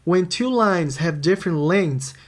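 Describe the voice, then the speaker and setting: A man's voice: sits high, expressive, unhurried. A man, a music producer, narrating a scripted songwriting tutorial and answering his own questions. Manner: explanatory, posing and answering questions.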